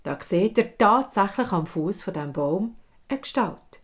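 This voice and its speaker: A woman storyteller with a Swiss German accent, narrating a fairy tale in a calm, measured way. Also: mid-range voice.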